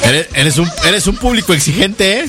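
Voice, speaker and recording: A man's voice: high-pitched, lively intonation, moderate pace. A Mexican man hosting a call-in radio show, joking playfully with callers and laughing often. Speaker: radio host. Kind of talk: casual call-in radio banter. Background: background music.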